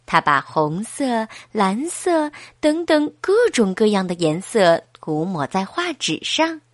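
A woman reading a children's story aloud in a slow, expressive storytelling manner. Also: mid-range voice, no room sound, studio quality.

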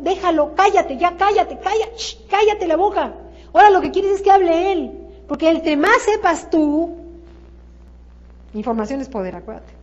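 A woman's voice: high voice, darkish tone, highs cut off. A woman with a Mexican accent giving a motivational sales seminar, emphatic and repetitive, firing off rhetorical questions. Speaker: sales trainer.

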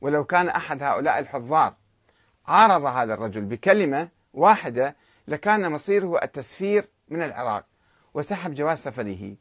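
A man's voice: on the high side, sing-song, a little fast, a bit bright, no echo. A man narrating a historical account, reading quoted exchanges with rising emphasis.

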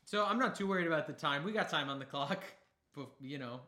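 High, bright joking man in an echoey room. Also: expressive, a little fast. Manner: jokey, laughing. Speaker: player. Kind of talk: casual tabletop play.

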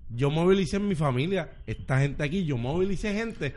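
A man's voice: on the high side, animated, a little fast, a little mellow. A Puerto Rican man in a casual group chat, speaking with passion, cursing freely and repeating his points for emphasis.

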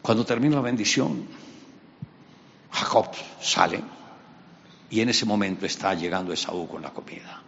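Male preacher, sermon storytelling, low gravelly voice, slow and swooping, slightly dull recording. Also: expressive, fairly bright tone, a little hiss or hum. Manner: dramatic storytelling, voicing characters.

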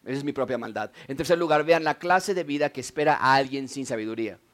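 A man preaching a sermon as pastor, swinging between loud declarations and quiet asides. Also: medium pitch, fast talker. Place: church.

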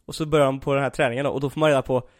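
A man's voice: medium pitch, dry recording, clean studio sound. A young man in casual chat, animatedly retelling an anime with lots of fillers. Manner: animated, many fillers like "liksom".

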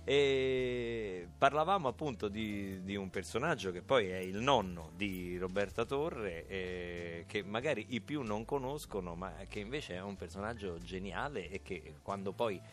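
A man hosting a lively radio talk show, playful and animated as he jokes with co-hosts and introduces guests. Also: on the low side, measured pace, hardly any pauses. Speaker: radio host.

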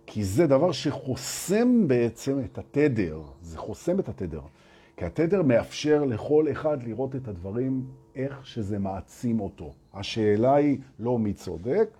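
A man's voice: mid-range voice, warm tone, breathy edge. A man giving a motivational spiritual talk to an audience, speaking emphatically, repeating key phrases and firing rhetorical questions at his listeners. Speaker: spiritual teacher addressing an audience.

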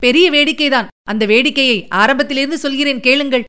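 A woman voicing a fierce, wild female ghoul priestess with a harsh, rough voice, excitedly telling her tale in a storybook reading. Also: high voice, fairly quick.

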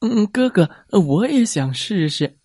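An eager little anteater boy from a children's storybook, voiced by a man in a high, pleading tone. He speaks in a sing-song, lively way. The sound is close and dry. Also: takes it slowly, slightly rough, no room sound, exaggerated voice. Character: small eager young male anteater, little brother.

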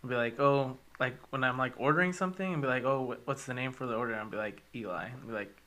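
A young man chatting casually on a podcast, telling stories with lively acted-out quotes. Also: mid-range voice, fast. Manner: animated storyteller, acts out quotes. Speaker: podcast co-host.

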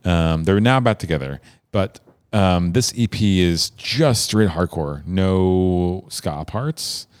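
Young male co-host, deep voice, dead-dry room, quick dry quips between longer riffs. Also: expressive, dry recording. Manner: dry jokes, short interjections. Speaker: podcast co-host. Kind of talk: casual chat.

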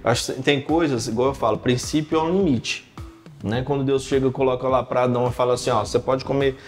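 Soft music plays behind a man in his thirties, a pastor, who chats casually on a podcast. He talks fast in a medium-pitched voice, telling animated stories and constantly saying "cara" and "né."

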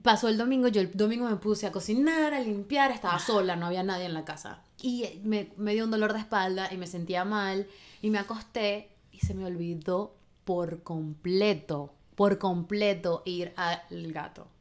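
A woman's voice: medium pitch, moderate pace. A woman, co-hosting a podcast, telling stories casually and laughing at herself. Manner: laughing, self-mocking. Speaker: podcast co-host. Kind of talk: casual storytelling.

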